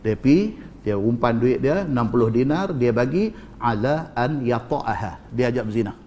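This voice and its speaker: A male Islamic preacher with a northern Malay accent delivers a lecture, narrating with animated energy and repeating lines for emphasis. His voice sits at an ordinary male pitch. A faint ambient hum runs under the talk. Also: moderate pace. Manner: animated storytelling, addresses the audience, repeats for emphasis. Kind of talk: religious lecture.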